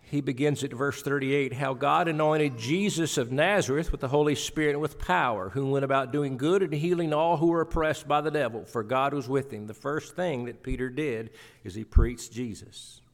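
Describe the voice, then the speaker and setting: At a church pulpit, a middle-aged man preaches a sermon from scripture, emphatically repeating phrases for weight. His voice sits at medium pitch and moves at a moderate pace. The sound is reverberant, like a church hall.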